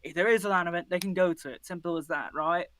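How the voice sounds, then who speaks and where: A man co-hosting a casual esports podcast, animated and swearing freely as he argues his points. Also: high-pitched, fast, a little hiss or hum. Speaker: podcast co-host.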